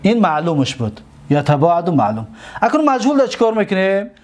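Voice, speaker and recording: A man's voice: high voice, sing-song, darkish tone. Man teaching with a chanting rhythm. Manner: recites drill lists in a chanting rhythm; repeats key points and asks the class questions. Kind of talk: lecture on Arabic verb forms.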